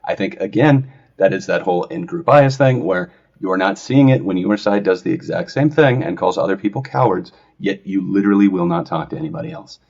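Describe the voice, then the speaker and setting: A low, husky man hosting a podcast, mocking his critics with heavy sarcasm. The sound is a little dull and lo-fi. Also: lively intonation, fairly quick, darkish tone. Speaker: podcast host. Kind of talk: casual chat.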